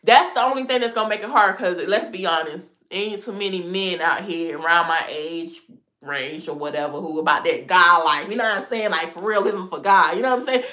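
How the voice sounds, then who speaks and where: Speaking a little fast in a fairly low, sharp voice, this thirty-something lifestyle vlogger chats candidly about dating while answering viewers' comments. She's congested from a cold and laughs frequently.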